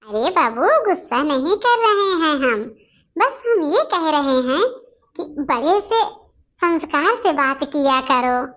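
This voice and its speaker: A woman's voice: high voice, animated, slow, a bit bright, heavily acted. A woman voicing a young wife and elder sister in a family cartoon, lecturing her brothers. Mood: scolding. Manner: scolding, lecturing.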